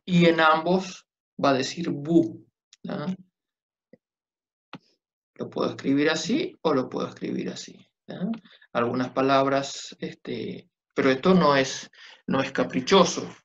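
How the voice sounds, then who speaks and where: A man's voice: mid-range voice, unhurried, pauses often, fairly bright tone. A man teaching Biblical Hebrew in a class, patiently checking understanding with short tag questions. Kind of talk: classroom lecture at a whiteboard. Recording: dull lo-fi classroom recording.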